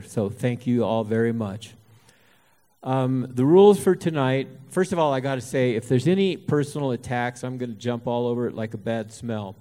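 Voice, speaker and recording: A man runs a candidates forum from the stage, talking in a folksy, halting way. He often stops and restarts his sentences. His voice rings out with a long hall reverb. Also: medium pitch, dark tone. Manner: folksy, halting with many fillers. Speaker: forum moderator. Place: auditorium hall.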